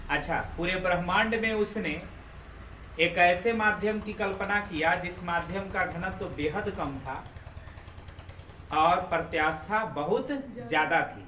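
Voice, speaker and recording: A man's voice: high-pitched, measured pace, pushed and bright, a little hiss or hum. A man teaching physics in a classroom lecture, often asking the class questions and repeating their answers. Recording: roomy classroom, from far off.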